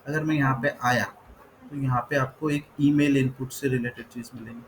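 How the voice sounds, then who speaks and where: A man's voice: mid-range voice, fairly even intonation, a little fast, slight background noise, poor audio. A man teaching a coding tutorial, mixing Hindi and English, saying "okay" often and spelling words out letter by letter. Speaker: coding instructor. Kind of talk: screen-recorded coding tutorial.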